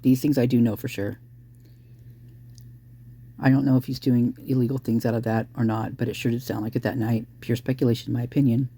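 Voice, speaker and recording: A hoarse true crime commentator speculating casually and thinking aloud, breaking into exclamations at sudden ideas. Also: mid-range voice, level tone, brisk, dark tone.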